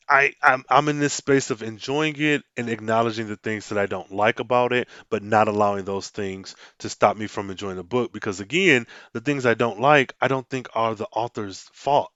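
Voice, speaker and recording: A man's voice: medium pitch, smooth, dry recording, dull audio. A man hosting his own podcast, chatting casually and animatedly, often restarting his sentences and acting out quotes. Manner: animated, frequent restarts, mock-dramatic quotes. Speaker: podcast host. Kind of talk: casual solo podcast talk.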